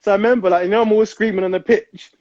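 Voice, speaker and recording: A man's voice: rapid-fire, dry recording. A man, bantering indignantly as a guest in a casual interview. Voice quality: high-pitched voice. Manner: animated, indignant, jokey. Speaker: guest, amateur footballer. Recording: dull lo-fi sound.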